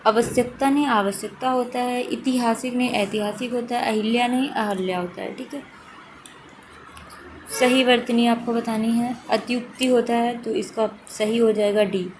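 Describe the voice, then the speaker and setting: A woman's voice: a little high, normal speed. Brief: female teacher, patient walkthrough of exam answers, restates correct forms, noisy home-style recording. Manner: steady explanatory, repeats correct forms for emphasis. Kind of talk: exam question walkthrough lesson.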